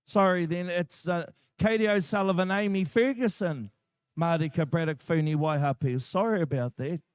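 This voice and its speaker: A man's voice: high voice, normal speed, clear, resonant tone, no echo, studio quality. A man with a New Zealand accent announcing a live competition in an informal, practical, directing way.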